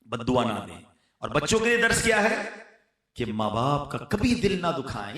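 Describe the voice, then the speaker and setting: A man with a Pakistani Urdu accent giving an earnest religious sermon, rising to emphatic lines and dropping to soft ones. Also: a little high. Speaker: preacher. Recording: echoey hall, voice from far off.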